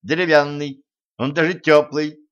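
Male narrator putting on a young prince for an audiobook tale, pitched up, breathless and earnest, dull lo-fi sound. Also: steady tone, moderate pace, close to an everyday voice. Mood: puzzled.

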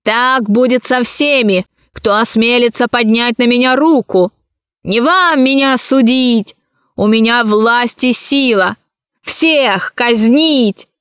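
A woman's voice: fairly high pitch, slow, fairly bright tone, smooth, dry recording, clean studio sound. A woman doing a shrieking tyrant usurper man. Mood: raging. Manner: shrieking, furious. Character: frantic male usurper tyrant, cruel and cowardly.

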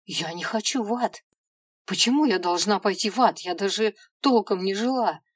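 A woman's voice: medium pitch, normal speed, slightly rough, dry recording, lightly acted. Stubborn young thief girl voiced by a woman. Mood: protesting. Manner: protesting, insistent. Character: young female thief, stubborn and hot-tempered.

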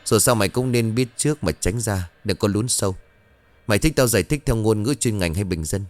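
A man's voice: on the low side, a little fast, faint music behind, lightly acted. A man voicing a cool-headed psychiatrist who explains things bluntly and offhandedly. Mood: clinical.

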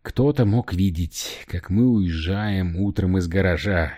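Timid hesitant commander, low and dark, read by a male narrator; audiobook. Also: measured pace. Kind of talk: audiobook character voice.

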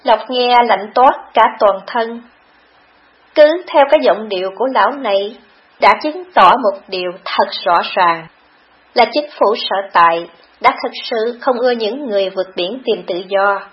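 A woman's voice: on the high side, a little slow. Woman narrating an audiobook, lo-fi. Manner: steady, dramatic storytelling. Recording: dull lo-fi recording.

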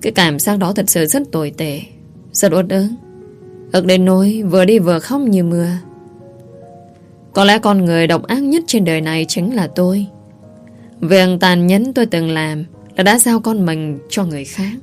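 A woman's voice: on the low side, moderate pace, soft background music. A woman reading a first-person story aloud, earnest and heartfelt. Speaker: audiobook narrator.

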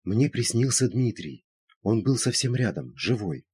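A man's voice: on the low side, sing-song, measured pace, a little mellow, husky, voice pushed up, full character voice. A man voicing an anxious widowed woman. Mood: worried.

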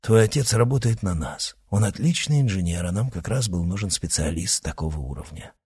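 A cold, mocking henchman speaks low and curt, every line clipped and quietly threatening, as a man reads him. The voice has a husky grain. It is an audiobook figure who never raises his voice. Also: lively intonation, brisk, full character voice. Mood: cold, menacing. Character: cold menacing male henchman in shadows.

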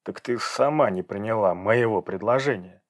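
A man reading the lines of a calm, stubborn young man who speaks flatly and dismissively. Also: lowish voice, normal speed, natural voice. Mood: cold. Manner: flat, dismissive, terse.

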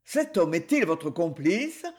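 A woman reading aloud, voicing a male police commissioner who questions people in a measured, formal way. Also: fairly low pitch, sing-song, a little mellow. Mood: questioning.

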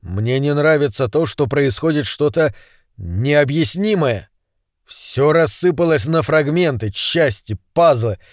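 A man's voice: a little high, expressive, measured pace, no room sound, studio quality. A man voicing a frightened, agitated man who speaks urgently. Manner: tense, urgent.

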